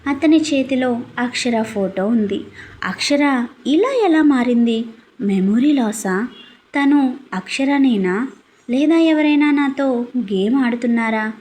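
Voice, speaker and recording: Woman narrating a love story, husky. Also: high-pitched, animated, slow pace, pauses often, darkish tone. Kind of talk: scripted narration with dialogue.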